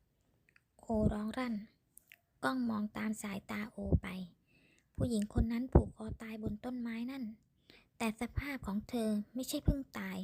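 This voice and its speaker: A woman narrating a ghost story in a hushed, suspenseful whisper. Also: a little high, vocal fry, noisy background.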